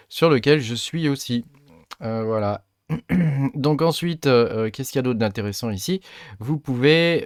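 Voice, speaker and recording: Low-voiced man guiding a hesitant tutorial. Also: no room sound, clean studio sound. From France. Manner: hesitant, many fillers, talks while clicking. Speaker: crypto mining tutorial host. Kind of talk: casual screen-recorded tutorial.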